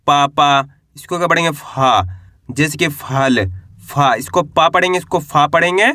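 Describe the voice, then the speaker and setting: High bright-voiced male Hindi teacher. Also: clean studio sound. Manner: repeats each sound slowly, asks the learner to echo it; stretches vowels and syllables in drawn-out teaching pronunciation. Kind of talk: alphabet lesson with call-and-response drills.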